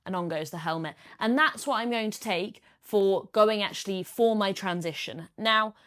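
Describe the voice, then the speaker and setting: A woman with a medium-pitched voice speaks at normal speed over a noisy background. A triathlete vlogger, she walks through her triathlon kit in a casual how-to video, chatty and practical, explaining it step by step.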